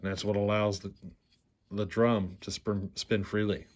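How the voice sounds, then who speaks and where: A man's voice: lowish voice, level tone, a little slow. A man in a workshop demonstrating a chainsaw repair, talking plainly and unhurriedly, often asking "see how". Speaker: chainsaw repair channel host. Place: workshop bench.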